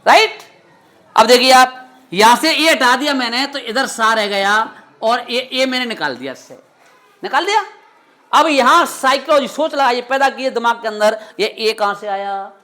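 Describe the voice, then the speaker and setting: A man's voice: extremely high pitch, expressive, bright, forceful tone. Stern classroom teacher, male, scolds and quizzes students as he explains. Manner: stern, scolding, full of quick quiz questions to students. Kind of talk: classroom grammar lesson.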